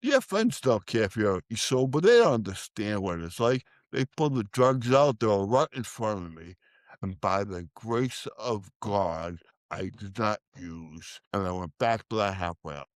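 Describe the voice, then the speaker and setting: A man's voice: fairly low pitch, lively intonation, measured pace, no echo. Middle-aged guy telling his story, voice jumps all over, dry mic. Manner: emotional storytelling, acts out quoted dialogue. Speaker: podcast guest. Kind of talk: storytelling interview.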